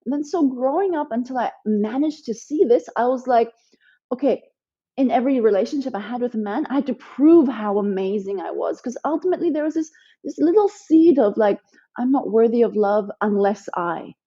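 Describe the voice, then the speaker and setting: A woman's voice: on the high side, lively intonation, fairly quick, dark tone, breathy edge, highs cut off. A woman coach, born in Thailand and raised in Nepal, explains her ideas at length in a podcast interview, with many fillers. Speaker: guest coach for women.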